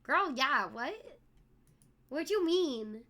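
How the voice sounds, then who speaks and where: A woman's voice: high-pitched, sing-song, takes it slowly, pushed and bright. A young woman streaming live, chatting playfully with her viewers and reading their messages aloud in a sing-song way. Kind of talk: casual live-stream chat.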